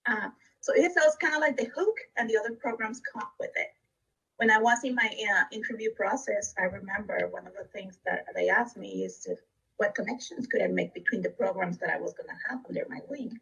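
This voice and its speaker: Husky-voiced woman presenting. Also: mid-range voice, fairly quick, fairly bright tone, far from the mic, low-quality recording. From Costa Rica. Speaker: district education leader. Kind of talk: recorded webinar presentation.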